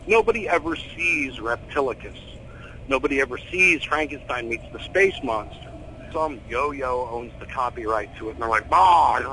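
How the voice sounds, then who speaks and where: Bright, opinionated middle-aged American man. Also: mid-range voice, a little hiss or hum, low-quality recording. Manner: animated, opinionated, slangy. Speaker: horror host being interviewed. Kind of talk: casual interview chat.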